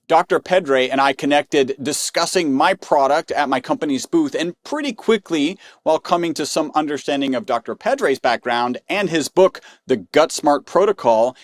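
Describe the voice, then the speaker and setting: A man's voice: a little high, no echo, studio quality. A man hosting a health podcast, introducing his guest and asking questions in an upbeat, conversational way. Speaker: podcast host.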